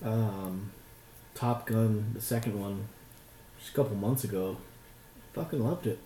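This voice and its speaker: A middle-aged American man from rural Utah takes part in a podcast, chatting casually and choosing his words hesitantly. His voice is on the low side, unhurried and mellow. The recording has a roomy echo and clearly audible background noise.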